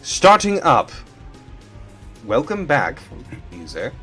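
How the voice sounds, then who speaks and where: A man, a game master, voicing a glitching robot system voice that reboots in stilted, drawn-out machine speech. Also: mid-range voice, wildly swooping pitch, fairly bright tone, faint music behind, full character voice. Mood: glitchy.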